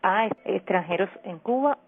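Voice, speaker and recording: A woman's voice: medium pitch, expressive, normal speed, slightly rough, no echo. A woman working as a phone company service agent on a call, hesitant and polite but firm. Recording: tinny phone line.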